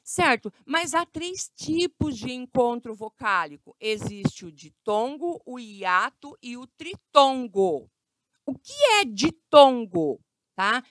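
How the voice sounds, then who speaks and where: A woman's voice: a little high, fairly bright tone, no echo. A woman teacher with a Brazilian Portuguese accent, giving a grammar lesson to children, stretching out words and often checking in with her class. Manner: slow, stretched words with frequent check-ins.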